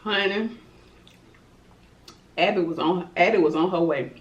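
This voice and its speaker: A woman's voice: lowish voice, unhurried. Chatty woman telling a story. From Florida, USA. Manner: chatty, dramatic gossip with asides to viewers. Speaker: mukbang vlogger. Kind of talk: storytime while eating. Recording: roomy, distant, dull-sounding home recording.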